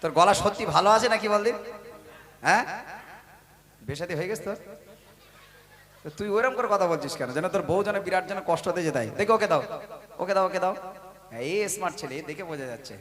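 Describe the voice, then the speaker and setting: A man banters with children in a village lane. His voice sits a little high, and he teases, jokes and calls them forward loudly. It is recorded outdoors. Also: animated, quick pace, long pauses. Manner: teasing, joking, loud calls to the kids. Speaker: gojol singer talking to village children.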